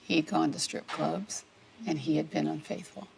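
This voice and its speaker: A woman's voice: low voice, steady tone, normal speed, vocal fry, poor audio. A middle-aged woman telling a personal story on a talk show, acting out the dialogue as she goes. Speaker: guest. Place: tv studio.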